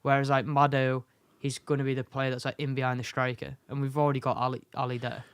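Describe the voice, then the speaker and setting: A man's voice: mid-range voice, little pitch movement, fast, clear, resonant tone, no echo, studio quality. A man co-hosting a casual football podcast chat, opinionated and talking in long run-on thoughts. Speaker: podcast co-host.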